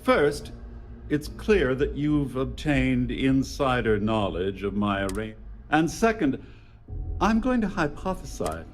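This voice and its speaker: Pompous, slow-spoken calculating villain. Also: male voice, medium pitch, sing-song. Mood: smug, probing. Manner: pompous, wordy, deliberate phrasing. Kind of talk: video game dialogue acting. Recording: music behind the voice.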